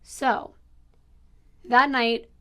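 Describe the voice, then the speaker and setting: A woman in her forties, co-host of a couple's channel, telling a rambling, animated story in casual chat. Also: on the high side, very slow, clean tone. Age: 40s.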